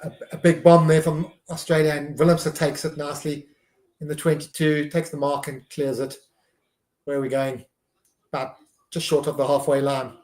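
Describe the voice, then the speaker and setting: A man's voice: on the high side, level tone, moderate pace, a little mellow, reverberant. A man hosting a live stream, giving casual running commentary on a match and reacting to each play.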